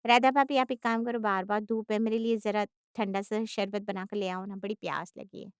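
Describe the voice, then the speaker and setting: A woman voicing a sharp, quick-witted adult daughter who questions briskly. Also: mid-range voice, flat delivery, clean tone, dry recording, studio quality, natural voice. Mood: probing.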